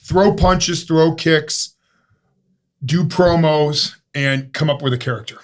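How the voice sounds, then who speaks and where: A man's voice: fairly high pitch, slow. A man in his fifties from Ohio with an Ohio accent, a stuntman and actor telling stories as a guest in a casual interview, joking and self-mocking. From Ohio, USA. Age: 50s. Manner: jokey, self-mocking storyteller.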